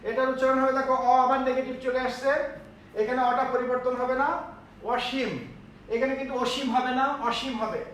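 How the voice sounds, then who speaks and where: Man teaching a class, very high voice, step-by-step explaining, echoey room from far off. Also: flat delivery, fairly quick, a bit bright, slight background noise. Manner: explains step by step, often checks understanding. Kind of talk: classroom lecture on pronunciation.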